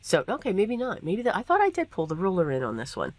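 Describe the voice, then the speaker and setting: In this card-making tutorial voiceover, a woman talks casually with plenty of fillers and jokes at her own expense, occasionally clearing a throat made hoarse by allergies. Her voice is lowish and darkish, with huge swings in pitch and a quick pace, and there's no room sound at all.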